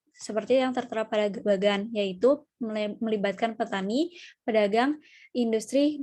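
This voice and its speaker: A woman's voice: a little high, a little mellow, no echo. A young woman from Indonesia, a student presenter, reading a class presentation carefully and restarting words. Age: young adult.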